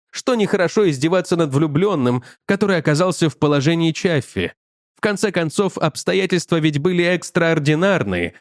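Male audiobook narrator, ironic, lively pitch swings, fairly high voice, dry close sound. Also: no echo. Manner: ironic, animated storytelling. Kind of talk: first-person audiobook narration.

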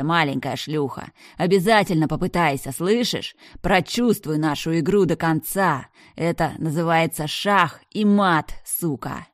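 A woman's voice: deep voice, darkish tone, no room sound, studio quality. A woman reading the lines of a cruel male villain in an audiobook, hissing and snarling his threats.

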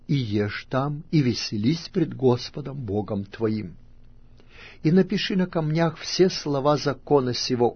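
Husky man declaiming scripture solemnly. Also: mid-range voice, no room sound. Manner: declaiming, growing loud and emphatic on each curse. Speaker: scripture reader. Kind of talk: solemn Bible reading. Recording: dull lo-fi recording.

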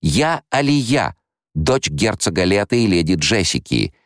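A man's voice: deep voice, very animated, unhurried, no echo, clean studio sound, pitched above the performer's own voice, exaggerated voice. A man voicing a bold, defiant little girl in an audiobook, cheeky and taunting.

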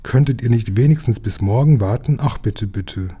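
A man's voice: medium pitch, moderate pace, mellow, breathy edge, close to an everyday voice. A man voicing an eager, lisping little sea princess in a read-aloud storybook. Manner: eager, pleading.

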